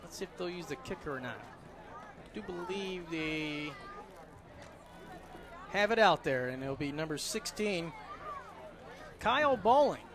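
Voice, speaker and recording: A man calling play-by-play for a local alumni football game, chatty and lively on big plays. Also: on the high side, unhurried, long pauses. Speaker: play-by-play announcer. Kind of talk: live local football commentary. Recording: noisy outdoor broadcast.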